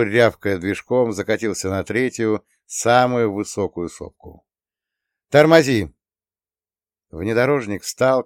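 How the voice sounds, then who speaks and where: Casual reading: man narrating a first-person adventure, low voice, dry sound. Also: dry recording. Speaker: audiobook narrator. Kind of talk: scripted narration.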